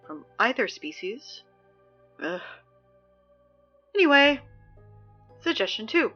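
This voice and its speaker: In a comedic audio drama, a woman plays an exasperated teenage girl reading the school morning announcements, sarcastic, easily flustered and prone to outbursts. Her medium-pitched voice stays close to everyday speech, and the sound is lo-fi.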